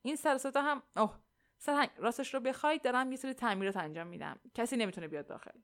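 A woman's voice: a little high, fairly bright tone. A woman reading an audiobook, voicing a nervous young male soldier who evades and pleads with his commanding officer. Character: anxious young male soldier defusing bombs. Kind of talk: audiobook character voice.

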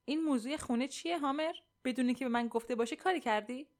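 A woman's voice: high voice, pitched above the performer's own voice, lightly acted. A woman voicing a bossy, fretful middle-aged wife with an imperious, complaining manner, in a storybook reading. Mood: irritated, fretful.

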